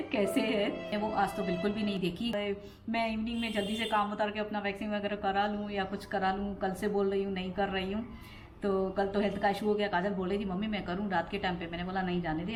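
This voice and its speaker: A woman's voice: medium pitch, darkish tone, reverberant, a little hiss or hum. A middle-aged woman from India chatting her way through a casual home vlog, rambling about her daily chores. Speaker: vlogger. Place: home interior.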